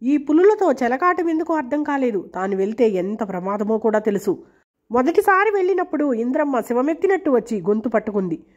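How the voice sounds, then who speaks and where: Woman, storyteller, measured novel reading, somewhat high pitch, muffled sound. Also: sing-song, a little mellow. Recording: dull lo-fi recording.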